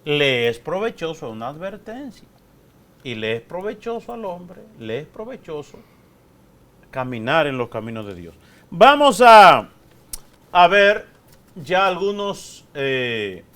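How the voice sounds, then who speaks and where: Man, priest, bible sermon, high voice, lively swings in pitch, asks questions. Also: measured pace. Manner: expressive, asks the listeners questions and repeats phrases.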